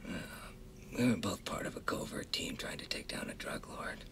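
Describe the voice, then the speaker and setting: An actor playing a calm, dry-humored army commander who gives clipped orders in a hushed voice. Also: male voice, normal speed, in a whisper, lightly acted. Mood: storytelling, hushed. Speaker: commanding officer. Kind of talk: film dialogue.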